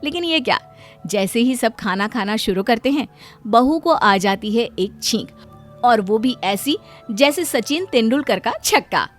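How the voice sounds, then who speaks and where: ऊँची आवाज़ वाली महिला कथावाचक. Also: female voice, on the high side, animated, a little slow, faint music behind. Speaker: narrator. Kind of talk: storytelling narration.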